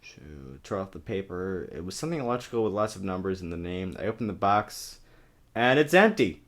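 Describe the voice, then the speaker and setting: A man with a deep, animated, slightly bright voice speaks briskly, giving a parody dramatic reading of a novel full of sarcastic, exaggerated asides. He's captured on a webcam microphone in a choppy, cheap recording.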